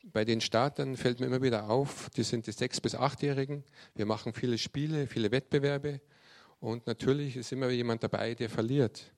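A man giving a sermon to a youth group, reading scripture and telling the story with lively acted-out quotes. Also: medium pitch, fairly quick. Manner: lively storyteller who acts out quoted speech.

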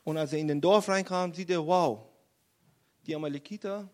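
A man preaching a sermon, retelling a Bible chapter with emphatic, animated storytelling. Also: fairly high pitch, normal speed.

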